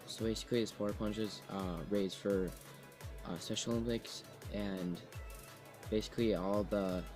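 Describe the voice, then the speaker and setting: A man's voice: on the low side, a little mellow. A young man talking casually and hesitantly to viewers as a vlogger. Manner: halting, hesitant delivery. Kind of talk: casual vlog talk. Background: music.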